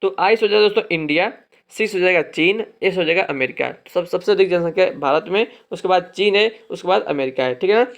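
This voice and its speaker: A man teaching an exam-prep lesson, explaining memory tricks and checking in with listeners after nearly every phrase. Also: sits high. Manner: explains mnemonic tricks, repeats "ठीक है ना" often; addresses viewers as friends, drawn-out repetitions of key phrases.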